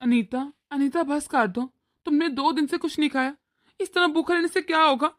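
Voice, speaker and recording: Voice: high voice, moderate pace, a bit bright, no room sound, clean studio sound. A voice actor playing a weary, peacemaking older father-in-law in a cartoon, pleading with his wife. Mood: soothing. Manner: pleading, soothing. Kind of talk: cartoon voice acting.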